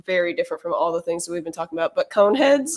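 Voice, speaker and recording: A woman's voice: lowish voice, expressive, rapid-fire, darkish tone. A woman on a casual live-stream panel, easygoing and enthusiastic as she shares her picks.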